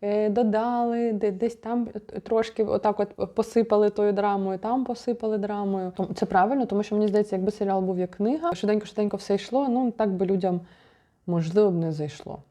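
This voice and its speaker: A young woman chatting casually as a book vlogger in a lively, rambling way, full of fillers and self-corrections. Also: mid-range voice, fairly quick. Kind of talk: casual book review chat.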